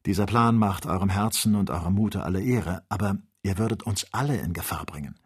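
A man voicing a calm, authoritative doctor who leads an expedition, speaking in a measured, reasoning way. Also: low-pitched, breathy edge. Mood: calm, firm.

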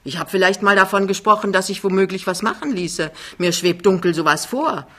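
Lady doing a big jolly guy in a storybook, loud and smooth-talking, bright sharp tone. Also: mid-range voice, fairly quick, natural voice. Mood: breezy denial. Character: big cheerful male giant, glib charmer.

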